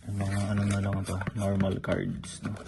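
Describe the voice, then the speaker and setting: This vlogger presents his trading cards in a relaxed, chatty showcase, frequently asking the viewer "no?" at the end of sentences. His voice is on the low side and monotone, moving at normal speed. There is clear background noise in the recording.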